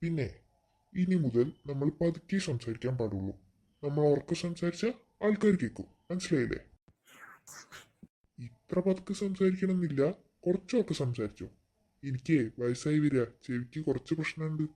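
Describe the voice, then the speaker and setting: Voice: mid-range voice, brisk, lightly acted. A voice actor playing an aging, slightly deaf burglar boss in a cartoon, bossy and grumbling.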